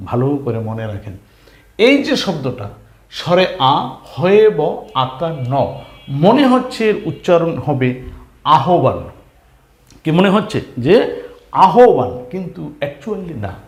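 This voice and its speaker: Slow patient man teaching spelling. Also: fairly high pitch, darkish tone. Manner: slow, patient, repeats and drills syllables, asks questions. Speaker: Bengali reading teacher. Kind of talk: spelling lesson for beginners. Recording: roomy echo.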